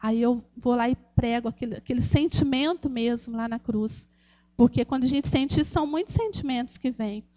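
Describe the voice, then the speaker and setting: A woman's voice: a little high, brisk, warm tone, dull audio. A Brazilian woman with a Brazilian Portuguese accent giving an earnest, emotional personal testimony at a church gathering, speaking directly to the audience with frequent restarts. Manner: earnest, addresses the audience as "gente", many restarts.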